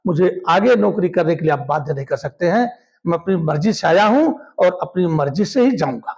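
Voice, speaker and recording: A man's voice: high voice, animated, normal speed, creaky, a little mellow, lo-fi sound. A man voicing a defiant young Rajput warrior prince who speaks firmly and proudly. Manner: proud, firm.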